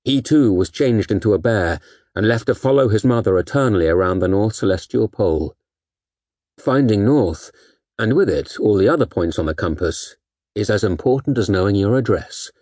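Low-voiced man narrating, dry close sound. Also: lively intonation, moderate pace, a little mellow, no echo. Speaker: audiobook narrator. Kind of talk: scripted educational narration with recited literary quotations.

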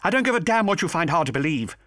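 A man's voice: on the high side, expressive, moderate pace, no echo, studio quality, voice pushed up, lightly acted. A man voicing a fierce young woman agent who speaks in a clipped, defiant way. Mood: angry.

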